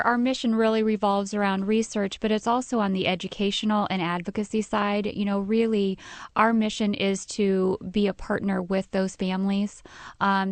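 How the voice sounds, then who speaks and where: Female charity spokesperson in an interview. Creaky voice, halting explanations, very dry recording. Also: mid-range voice, dry recording. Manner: hedging, frequent "you know" and "um". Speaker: charity representative, interview guest. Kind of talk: explanatory radio interview answers.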